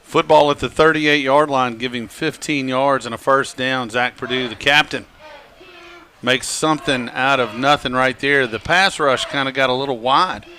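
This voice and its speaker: Bright-voiced radio football announcer man. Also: mid-range voice, normal speed, slight background noise. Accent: American. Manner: rises and gets loud on big plays. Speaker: play-by-play announcer. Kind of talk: radio sports commentary. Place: high school football stadium broadcast booth.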